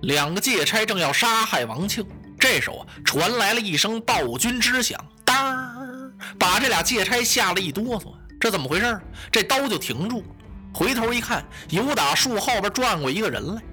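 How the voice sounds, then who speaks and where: A man narrating a traditional story in a lively, dramatic way, voicing the sound effects himself. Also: high voice, moderate pace, faint music behind.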